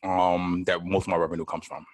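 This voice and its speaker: A man from Miami with a very low voice talks easily as a podcast guest. His speech is relaxed and chatty, scattered with "um" and "right?". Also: a little fast, slight background noise. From Miami, United States. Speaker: guest, entrepreneur. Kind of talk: casual interview chat.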